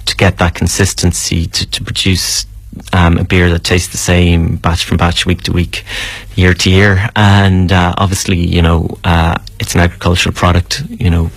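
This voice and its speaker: A man's voice: low-pitched, level tone, moderate pace, creaky, hardly any pauses, slightly rough, dry recording. A man explaining things as an interview guest, casually and hesitantly, repeating words as he goes.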